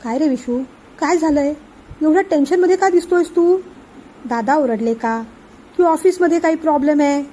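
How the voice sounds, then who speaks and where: A woman's voice: high-pitched, expressive, normal speed, a little mellow. A woman reading the part of a caring middle-aged aunt who coaxes affectionately. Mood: coaxing. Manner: coaxing, affectionate.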